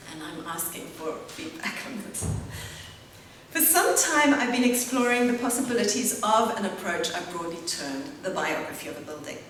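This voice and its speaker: A woman's voice: mid-range voice, a bit bright. A woman giving an academic lecture, reading from a prepared text and adding spoken asides. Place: lecture hall. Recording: very echoey hall, distant mic, faint hum.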